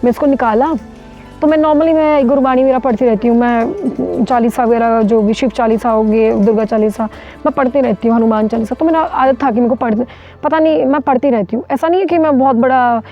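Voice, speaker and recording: A woman's voice: a little high, a little fast. A woman from India, a mountaineer, recounting an ordeal in an interview with vivid, urgent retelling full of restarts. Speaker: mountaineer guest. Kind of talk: interview storytelling. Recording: dull lo-fi sound with faint music.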